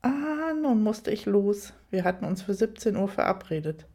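A woman narrating a first-person audiobook story at an even storytelling pace, with light, amused touches. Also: medium pitch, moderate pace.

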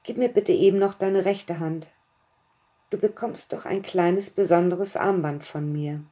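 A woman voicing a calm, commanding male partner who speaks quietly and teasingly. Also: fairly low pitch, unhurried, lightly acted.

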